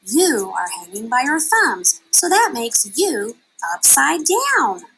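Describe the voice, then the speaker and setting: Storybook bat stranger, played by a woman: raised pitch, slow emphatic delivery, bossy know-it-all. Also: very animated, a bit bright, heavily acted, rough recording. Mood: bold, correcting. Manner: emphatic, matter-of-fact correcting. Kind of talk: children's storybook read-aloud.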